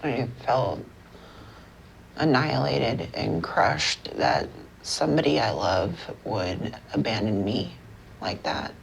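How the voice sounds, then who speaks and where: A woman's voice: rumbling low, animated, slow, creaky, a little hiss or hum. A woman from Portland, Oregon, speaking candidly in a reality show confessional. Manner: candid, downbeat. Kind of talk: confessional interview.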